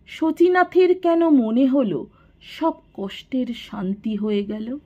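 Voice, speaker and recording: A woman storyteller reads a classic story slowly and deliberately. Her voice sits fairly high and rises and falls a great deal. The recording is a little dull and lo-fi. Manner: slow, expressive reading. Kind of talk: scripted narration of a classic story.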